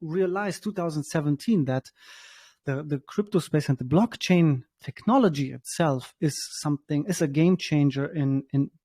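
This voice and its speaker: A man in his thirties who grew up in Germany, introducing himself as a founder in a halting way, with many fillers and restarts. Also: on the high side, mellow, dry recording. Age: 30s. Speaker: guest, startup founder. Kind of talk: casual spoken self-introduction.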